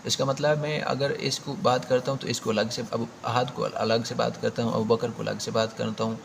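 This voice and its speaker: A man with a Pakistani accent teaches a grammar lesson for exam prep, explaining step by step and emphatically repeating the key points. His medium-pitched voice is creaky and flat, a little fast, with slight background noise.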